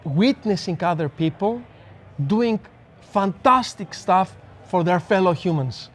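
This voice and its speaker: Animated and a little slow, this high-pitched man with a Greek accent is a neuroscientist guest in a relaxed podcast conversation. He comes across as earnest and reflective, and he illustrates ideas with examples.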